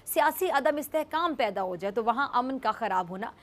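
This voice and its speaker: Higher-pitched woman, formal commentary. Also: animated, fairly quick, a bit bright. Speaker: news commentator. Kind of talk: scripted news commentary.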